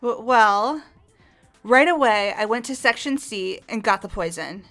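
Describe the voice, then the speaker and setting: A woman's voice: fairly high pitch, animated, unhurried, a bit bright, faint music behind. A woman doing stammering nervous Hina. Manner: stammering, defensive. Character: flustered young female athlete suspect. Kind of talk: fan voice acting of a game.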